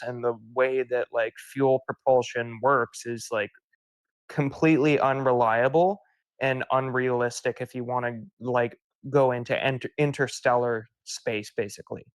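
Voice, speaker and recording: A young man co-hosts a casual podcast chat, a little tipsy from beer, rambling and laughing often. His voice is medium-pitched with fairly even intonation and a moderate pace; the tone is clean with no room sound, though the audio is poor.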